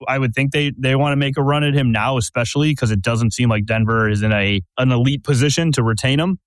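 A man hosts a basketball podcast in a steady, explaining way, setting up scenarios for his co-host. His voice is mid-pitched and the sound is dry and close. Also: fast, no echo. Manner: steady, lays out questions and scenarios. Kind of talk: casual sports chat.

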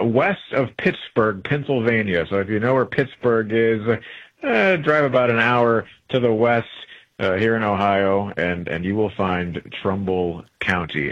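A man's voice: on the low side, fairly bright tone. Man on muffled AM radio, rambling. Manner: rambling, with many filler words and restarts. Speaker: traveling correspondent. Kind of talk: casual call-in chat on a radio talk show.

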